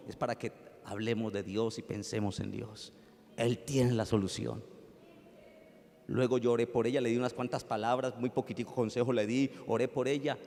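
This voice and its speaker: Colombian pastor preaching in a reverberant hall. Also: male voice, medium pitch. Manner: storytelling, swings from loud pleading to hushed. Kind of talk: sermon.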